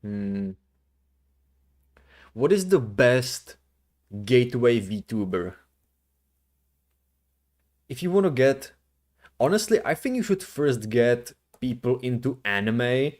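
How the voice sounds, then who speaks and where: A man with a middle-range voice hosts a casual livestream. He rambles in loose, slangy speech, often halting and circling back before he finishes a thought. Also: medium pitch, very animated, a little mellow. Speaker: streamer, VTuber host.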